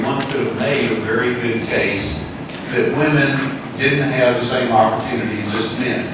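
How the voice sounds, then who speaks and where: Earnest middle-aged man testifying in an echoey hall. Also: mid-range voice. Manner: earnest, explanatory, rhetorical questions. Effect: echoey hearing-room recording from far off. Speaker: witness testifying before a committee. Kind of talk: spoken testimony. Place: legislative committee hearing room. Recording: echoey distant room with hiss.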